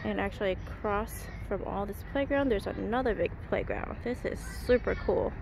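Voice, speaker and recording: A woman's voice: mid-range voice, normal speed, creaky, background noise. A woman vlogging at an outdoor playground on a handheld camera, describing what she sees and coaxing her child to play. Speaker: vlogger filming her kids. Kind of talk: casual vlog narration.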